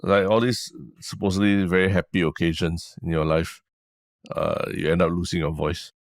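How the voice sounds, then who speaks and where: A Singaporean-accented man in his thirties co-hosts a podcast, teasing his partner in a dry, hesitant way during casual chat. His low voice holds a steady tone at a moderate pace, with no echo.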